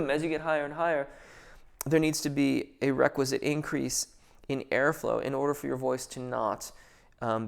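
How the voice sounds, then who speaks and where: Here a vocal coach with a gravelly, medium-pitched voice takes viewer questions in a relaxed live Q&A. He hesitates, thinking aloud with many fillers and false starts, then settles into careful technical answers.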